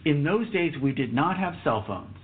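A Texas man in his fifties hosts a solo podcast, telling a story reflectively and emphatically in a high-leaning, very animated voice at a moderate pace. He drops to a whisper for asides, and the recording sounds tinny, like a phone.

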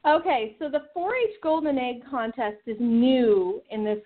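A woman's voice: on the high side, measured pace. A woman guest speaking over a tinny speakerphone line, explaining a contest in an organized, step-by-step way. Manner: organized, walks through plans step by step. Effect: tinny phone line on speakerphone. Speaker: state 4-H program leader, guest. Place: out on location with others around.

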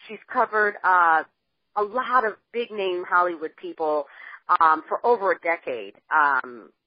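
A bubbly woman host gushes over her guest in a husky voice. She speaks on a dull, lo-fi phone line that sounds close and dry. She fills her talk with ums and restarts. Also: on the low side, a little slow, no room sound. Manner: bubbly, gushing, many fillers. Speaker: interview host. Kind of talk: phone interview hosting.

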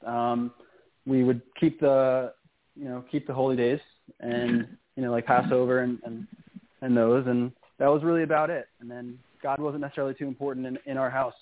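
A man's voice: medium pitch, little pitch movement, normal speed. Young male radio guest, earnest and hesitant, tinny phone audio. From New York. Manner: earnest, hesitant with many ums. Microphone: phone call.

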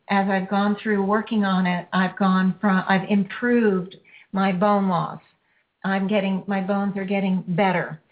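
A woman hosting a healing show, leading a caller through a release in slow, soothing, repetitive phrases. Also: medium pitch. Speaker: energy healing radio host. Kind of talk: guided healing session with a caller. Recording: phone-like lo-fi audio.

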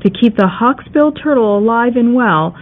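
Female host narrating segment intro, lively pitch, phone-like sound, faint music. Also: moderate pace. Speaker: radio show host. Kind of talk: scripted narration.

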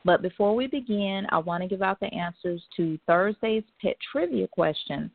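A woman's voice: mid-range voice, animated, moderate pace, gravelly. Woman radio host on a phone-like line. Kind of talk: casual radio show chat.

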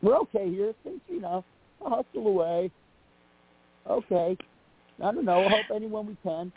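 A man's voice: high-pitched, animated, moderate pace, slightly rough, no room sound. A man calling in to a radio show over a phone line, rambling and scattered, swearing casually. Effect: heard over a phone line into a radio show. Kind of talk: casual call-in chat.

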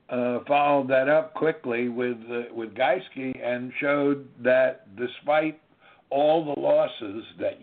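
A man hosting a legal talk show, speaking slowly and deliberately with many fillers and restarts. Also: mid-range voice. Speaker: show host. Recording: tinny phone-line sound.

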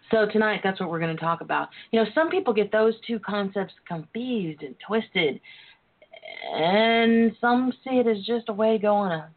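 Flirty woman on muffled phone-quality radio. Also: mid-range voice. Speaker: talk show host. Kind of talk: flirty casual online radio talk. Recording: muffled narrow-band internet radio phone line.

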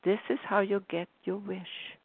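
A woman's voice: mid-range voice, steady tone, no room sound. A woman speaking as a spiritual guide in a soothing, repetitive way, moving between inspirational talk and guided relaxation. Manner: unhurried, soothing, repetitive phrasing. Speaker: spiritual author and meditation guide. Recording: dull, narrow phone-like sound.

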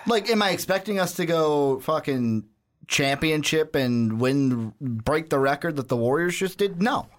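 A man's voice: on the high side, expressive, a little slow. A man co-hosting a sports podcast in a casual, bantering style. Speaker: podcast co-host.

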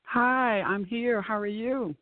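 A woman's voice: fairly high pitch, takes it slowly, no room sound. A middle-aged woman from Florida joins a podcast by phone as a guest. She sounds gracious and upbeat. The line is tinny and narrow, and her voice is close and dry. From Tallahassee, Florida. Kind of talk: phone-in interview.

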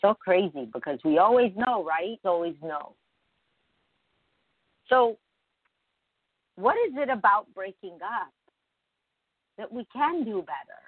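A woman's voice: medium pitch, lively intonation, slow, pauses often, husky, no echo, narrow, tinny audio. A woman hosting a morning show, talking conversationally and emphatically straight to her listeners in a reflective spiritual monologue.

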